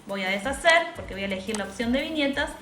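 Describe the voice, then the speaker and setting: A woman teacher, patiently explaining a software tutorial step by step and checking in with tag questions. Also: a little high, lively intonation, fast. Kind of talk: screen-recorded software tutorial. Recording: echoey room with faint music.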